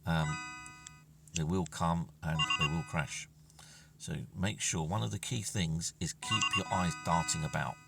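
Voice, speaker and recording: An unhurried man with a low voice, fairly even intonation, and vocal fry narrates his gameplay casually. He mutters to himself and frequently trails into near-whispers, recorded on a distant mic over music.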